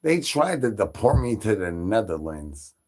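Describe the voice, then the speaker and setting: A man from Chicago chatting loosely on a livestream, profane and rambling, with plenty of fillers and shout-outs. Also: fairly low pitch, sing-song, unhurried. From Chicago, Illinois. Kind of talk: rambling casual stream chat.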